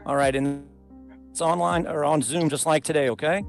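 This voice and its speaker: A man speaks as a judge running a remote court docket. His voice sits a little high and has a gravelly creak. His delivery is procedural, plain and courteous. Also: steady tone, moderate pace, soft background music. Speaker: judge presiding over traffic court. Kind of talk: procedural court talk on a video hearing. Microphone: video call.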